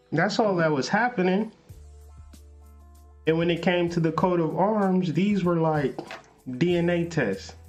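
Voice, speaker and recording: A man hosting a casual, lecture-style monologue, explaining in a slangy, conversational way with rhetorical questions. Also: mid-range voice. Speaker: host.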